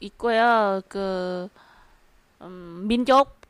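Halting woman from Vietnam speaking. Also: mid-range voice, smooth. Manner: simple, halting sentences with restarts. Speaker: guest.

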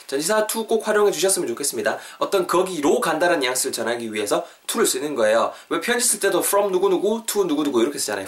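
A man hosting a podcast English lesson, chatty and questioning his listeners, slowing down to repeat example phrases. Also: a little high, distant mic. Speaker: English teacher, podcast host.

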